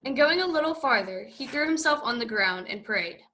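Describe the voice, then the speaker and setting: A woman narrating a scripture reading in a steady, even read-aloud way. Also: fairly high pitch, normal speed.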